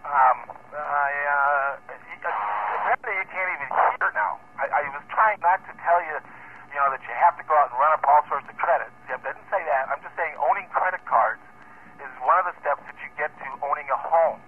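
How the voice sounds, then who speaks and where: A man's voice: a little high, a little fast, a little hiss or hum. A man arguing heatedly as a ham radio operator, ranting and taunting with lots of repetition, heard over two-way radio. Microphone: handheld radio transceiver. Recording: tinny two-way radio audio.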